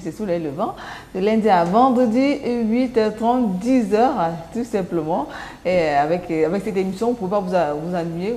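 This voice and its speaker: A woman hosting a morning TV show, lively and given to repeating herself. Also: mid-range voice, echoey room. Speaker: TV host. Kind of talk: morning TV presenting.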